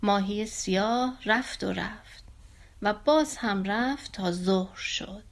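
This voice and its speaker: A woman reading a children's story aloud in a calm, steady storytelling manner. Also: medium pitch.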